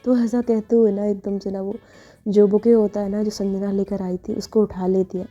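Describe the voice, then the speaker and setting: Mellow-voiced woman narrating a story casually. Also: mid-range voice, little pitch movement, moderate pace. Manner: chatty, repeats filler phrases. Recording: dull lo-fi with faint music.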